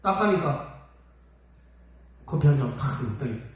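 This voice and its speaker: A man's voice: mid-range voice, animated, unhurried. An older man preaching as a pastor, telling a folksy story and briefly acting out the people in it. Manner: folksy, acts out quoted people. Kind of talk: storytelling sermon. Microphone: phone camera at a distance. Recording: echoey hall, phone from far off.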